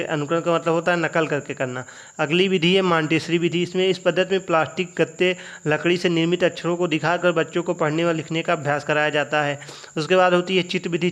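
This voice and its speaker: A man's voice: on the high side, a bit bright. Man teaching an exam revision class. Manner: repeats questions and answers them himself; asks students rhetorical check questions.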